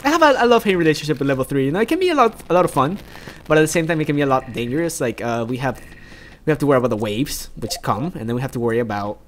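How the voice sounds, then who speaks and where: A man's voice: mid-range voice, lively intonation, rapid-fire, a little hiss or hum. A young man from South America giving jokey, rambling let's play commentary while he plays. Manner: rambling, jokey, talks to himself.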